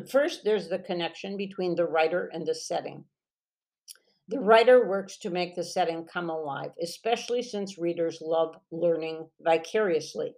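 A woman author gives a writing lesson, reading passages from her novel in a measured, steady way. Her voice sits on the low side, and she often pauses to clear her throat. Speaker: author teaching fiction writing. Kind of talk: lesson with read-aloud novel excerpts.

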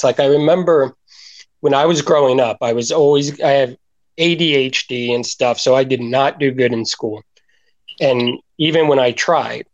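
A man's voice: mid-range voice, a little mellow, no echo. Earnest rambling man, dull lo-fi sound. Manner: earnest, rambling, many fillers like "like". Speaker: recovery podcast co-host. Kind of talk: casual sharing in group talk.

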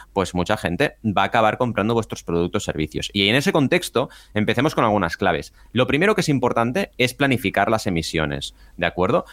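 Brief: man, low and lively, upbeat marketing explainer, dry close sound. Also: no room sound. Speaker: podcast co-host and marketing guest expert. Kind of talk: casual podcast talk.

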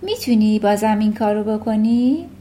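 A woman voicing a gentle, patient young woman teacher who speaks kindly. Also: mid-range voice, animated, slight background noise, close to an everyday voice.

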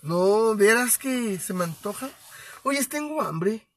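A man's voice: high voice, expressive, takes it slowly, fairly bright tone, low-quality recording. A young man with a Mexican Spanish accent, co-hosting a podcast in casual, playful banter full of crude slang. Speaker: podcast co-host.

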